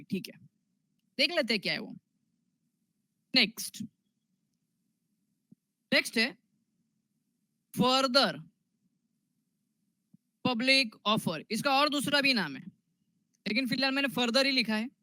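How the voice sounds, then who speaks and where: Guy teaching commerce, high bright voice, dry close sound, asks his own questions. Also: dry recording, poor audio. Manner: repeats key terms, asks and answers students' questions himself. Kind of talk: classroom lecture.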